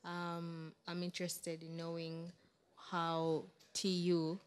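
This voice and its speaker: A woman's voice: fairly low pitch, monotone, takes it slowly. A woman in the audience answering a question with plain, brief replies. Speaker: audience member.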